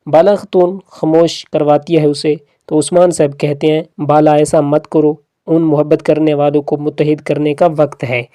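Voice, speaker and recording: A narrator steadily recounting a drama episode, folding the characters' dialogue into the retelling as plain quotes. The voice is mellow and soft-edged, recorded close and dry with no room sound. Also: medium pitch, flat delivery, hardly any pauses, no room sound. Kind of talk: plot recap narration.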